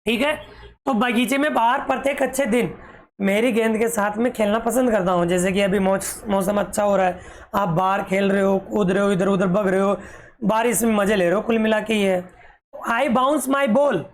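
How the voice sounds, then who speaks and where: A woman teaching a children's English poem, calling her young pupils fond pet names and dictating meanings slowly. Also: medium pitch, fairly even intonation, slight background noise. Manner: slow, spelled-out dictation of meanings.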